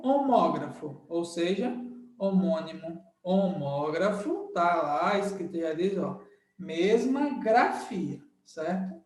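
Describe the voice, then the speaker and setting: A Brazilian Portuguese-speaking man teaching a grammar lesson, explaining slowly and repeating terms while checking understanding. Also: high voice. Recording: echoey room.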